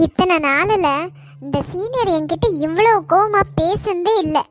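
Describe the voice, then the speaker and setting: A woman voicing a hot-headed college girl in a cartoon, accusing and shouting. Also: very high-pitched, a little slow. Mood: furious. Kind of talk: Tamil cartoon voice acting.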